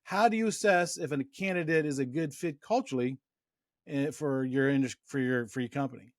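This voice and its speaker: A man's voice: medium pitch, a little fast, no room sound, studio quality. A middle-aged man hosting a casual interview, rambling through anecdotes and often restarting his sentences. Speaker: interview host.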